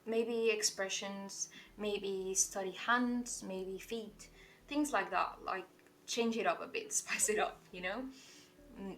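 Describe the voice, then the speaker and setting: Speaking English with her Portuguese accent, this woman chats casually while drawing on a livestream. Her voice is middling in pitch and a bit bright, and she rambles quickly, peppering her talk with "like" and catching herself mid-sentence.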